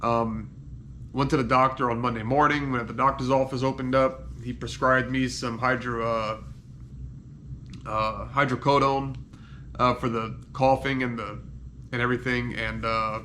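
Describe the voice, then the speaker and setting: A man recording a casual video diary while in pain and on painkillers after surgery, congested with a head cold, speaking haltingly and trailing off. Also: medium pitch, level tone, sharp tone, a little hiss or hum. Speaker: patient giving a recovery update.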